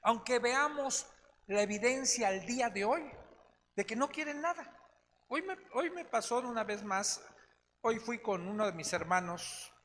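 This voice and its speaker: High, bright-voiced pastor. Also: male voice. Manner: chatty, tags lines with "¿no?" and "¿sí?". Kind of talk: conversational Bible study preaching. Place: church meeting hall. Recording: echoey hall with faint noise.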